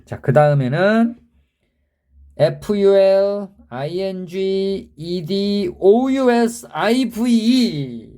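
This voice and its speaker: Male grammar teacher, emphatic, lively pitch, slow unhurried delivery. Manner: spells out word endings letter by letter, quizzes viewers, emphatic. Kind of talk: video grammar lesson.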